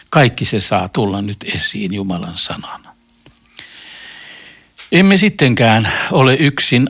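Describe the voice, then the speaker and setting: A man giving a devotional talk, reading psalm verses in a slow, reflective way. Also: fairly low pitch, fairly bright tone. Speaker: preacher.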